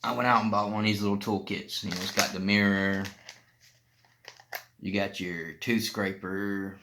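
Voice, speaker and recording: Low-voiced man talking through a swollen mouth. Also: steady tone, moderate pace, bright, forceful tone, a little hiss or hum. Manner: plain-spoken, informal, loosely rambling. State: talking with a painfully swollen mouth from an abscessed tooth. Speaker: vlogger sharing personal experience. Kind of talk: casual explanatory vlog talk.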